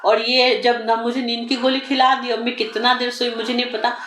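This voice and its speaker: A woman sits for an interview and recounts a frightening event from her own life. She speaks earnestly and vividly, slipping into the words of the people she describes, with a slightly high voice. The room is echoey, with a faint hiss behind her. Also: level tone, normal speed, a bit bright. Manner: earnest, vivid retelling with quoted dialogue. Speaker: interview guest. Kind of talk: personal account in an interview. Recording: roomy with faint background noise.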